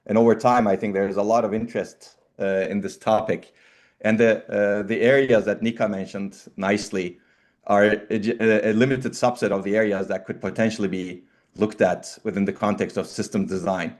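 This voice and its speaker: Man, video call audio, unhurried, lowish voice, frequent pauses. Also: darkish tone. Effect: remote speaker heard over a video call. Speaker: professor and workshop co-organizer. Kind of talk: welcoming opening remarks.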